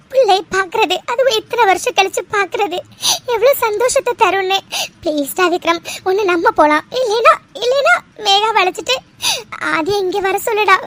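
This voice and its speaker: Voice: extremely high pitch, fairly bright tone. Someone voicing a tearful, pleading cartoon mother. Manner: pleading, sobbing, repeats herself. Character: tearful middle-aged mother longing for her daughter. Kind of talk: cartoon voice acting.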